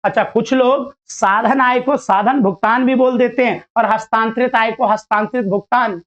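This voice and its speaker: A man's voice: very high voice, steady tone, normal speed, a bit bright, muffled recording. A male teacher giving a casual lecture to students, chatty and playful, acting out little dialogues as he explains.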